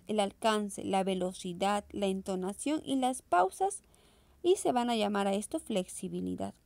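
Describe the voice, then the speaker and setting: A woman's voice: a little high, vocal fry, dry recording. A young woman teaching an online class, asking questions and answering them herself. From Peru. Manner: lively questioning, answers her own questions. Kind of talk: virtual class lesson.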